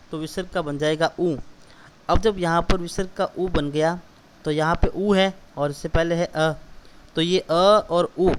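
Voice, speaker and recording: Male teacher, patient step-by-step explainer, clear resonant tone, a bit high. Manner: patient, explains step by step and repeats questions to students. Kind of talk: classroom lesson explaining a text.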